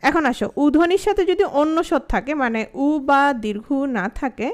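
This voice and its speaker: A woman with a Bangladeshi Bengali accent runs an online grammar class, questioning her students frequently and repeating example words slowly. Her voice is high-pitched with big swings in pitch.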